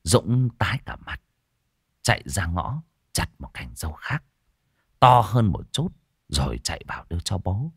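A man's voice: low voice, very animated, measured pace, vocal fry, long pauses, slightly rough, no echo, clean studio sound. A man narrating an audiobook story expressively.

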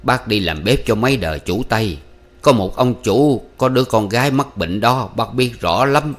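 A man voicing an old man, a former cook, who questions slowly and deliberately. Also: mid-range voice, expressive, lightly acted. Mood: probing. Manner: slow, probing, deliberate.

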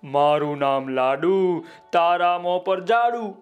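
Man plays cheerful cocky sweet, storybook hero, bragging rhymes, slow delivery, slightly high voice. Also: animated, smooth, narrow, tinny audio, soft background music. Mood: boastful. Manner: bragging, sing-song rhymes. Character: boastful round sweet, male, cocky and cheerful.

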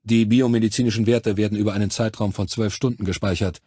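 A man reading a calm, clinical army medic. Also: fairly low pitch, quick pace, husky, dry recording, studio quality. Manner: clinical, matter-of-fact explaining. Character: composed male army medic examining alien bodies.

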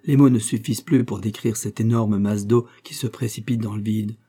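A talkative young Frenchman on his honeymoon, full of enthusiasm, as a male audiobook reader puts him on. The voice is low and husky. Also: fairly even intonation, moderate pace, dark tone. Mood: enthusiastic. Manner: chatty and enthusiastic.

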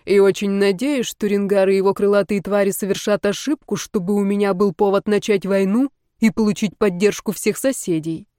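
Woman doing a smug controlling young emperor, calm and slow, plain mid voice, dry close sound, audiobook. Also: mid-range voice, no room sound, lightly acted. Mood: cold assured.

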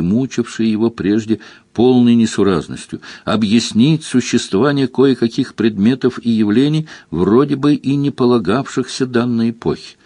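A man narrating an adventure novel in steady, unhurried scripted narration. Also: medium pitch, no room sound. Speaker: audiobook narrator.

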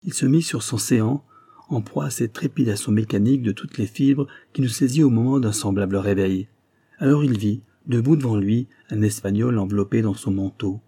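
Low, husky male audiobook narrator. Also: moderate pace, mellow.

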